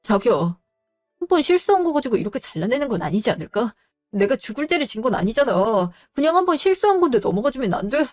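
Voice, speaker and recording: A woman's voice: a little high, very animated, quick pace, darkish tone, faint music behind. A woman voicing an unfaithful grown man who whines and begs his partner for another chance, in a storybook drama. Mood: pleading. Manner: whiny, begging.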